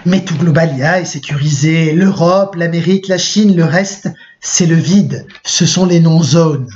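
Kate, a calm young woman arguing for her tidy world, read out by a male teacher in a fairly high voice. She sounds patient and persuasive. The recording is muffled and lo-fi. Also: unhurried, close to an everyday voice.

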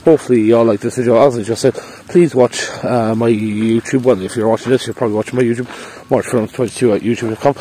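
Talking fast with hardly any pauses, an Irish man rambles through a casual vlog as he walks a snowy park path, phone at arm's length, slipping into playful sing-song. His mid-range voice is warm, with fairly even intonation. Poor audio adds a little hiss or hum over faint outdoor ambience.

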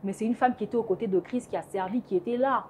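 A woman's voice: on the high side, fast, darkish tone, a little hiss or hum. A woman in her twenties, a guest in a TV studio interview, speaking emphatically and laughing easily. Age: 20s. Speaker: guest, founder of a women's platform. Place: TV studio set. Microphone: lapel mic.

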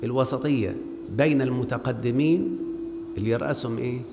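In a big mosque, an Egyptian-accented man gives an Arabic grammar lesson, his medium-pitched voice steady and a little fast. He poses questions for his students to answer call-and-response style, with faint background noise and long reverb from the hall.

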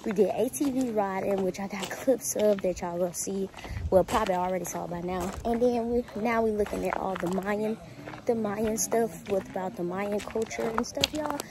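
A woman's voice: mid-range voice, normal speed. A woman vlogger chatting casually and informally to her viewers in slangy speech, recorded on a phone. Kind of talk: casual vlog chat to viewers. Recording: noisy outdoor phone recording.

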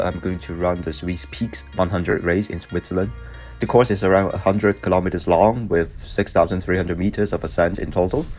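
A middle-aged man, giving a measured, reflective scripted voice-over for a running vlog. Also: low-pitched. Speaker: running vlogger. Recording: music behind the voice. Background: background music.

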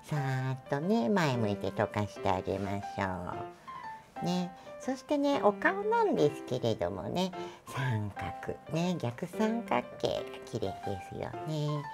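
A woman's voice: very deep voice, huge pitch swings, measured pace, gravelly, music in the background. A middle-aged woman with a Kansai Japanese accent, a cat groomer talking through a grooming demo in a chatty way, tagging phrases with little asides and giggles. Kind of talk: grooming demonstration talk.

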